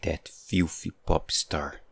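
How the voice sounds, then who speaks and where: Guy doing a lovesick yandere hothead, low gravelly voice, slow and possessive, audio roleplay. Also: fairly even intonation, a bit bright, no room sound, studio quality, heavily acted. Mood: grudging, weary. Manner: yandere, intense pleading devotion. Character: obsessive, hot-headed yandere man, lovesick and possessive. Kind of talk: dramatic audio role-play.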